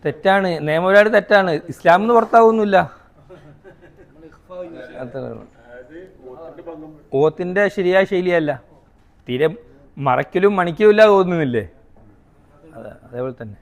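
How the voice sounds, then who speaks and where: A man teaching a recitation class. He asks his students questions, answers them himself, and sounds out each rule slowly, repeating it. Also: high-pitched, expressive. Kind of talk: classroom tajweed lesson.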